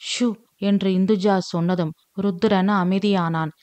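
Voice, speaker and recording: A woman storyteller reading a story aloud in steady, even audiobook narration. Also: mid-range voice, unhurried, no room sound.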